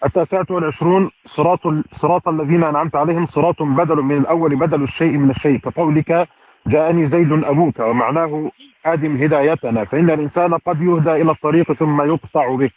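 A man's voice: a little high, steady tone, fast talker, highs cut off. A man reading a classical commentary aloud in a study circle, with fluent, formal delivery and careful vowel endings.

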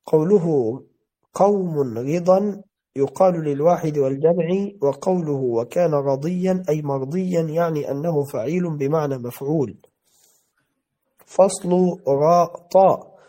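A man reads from a classical text and explains each term, slow and deliberate, going back over words. His voice sits fairly high for a man, with a mellow, darkened tone. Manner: measured, careful reading with repeated words. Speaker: teacher.

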